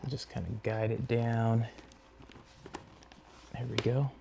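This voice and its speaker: Gravelly and medium-pitched with little pitch movement, the man's voice guides viewers through installing motorcycle gear, taking his time and talking through each hands-on step. The background is noisy.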